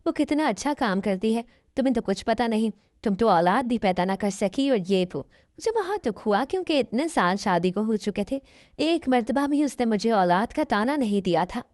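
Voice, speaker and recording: A woman's voice: fairly high pitch, a little mellow, no echo. A woman narrating a first-person moral story in an earnest, emotional way, close to the mic.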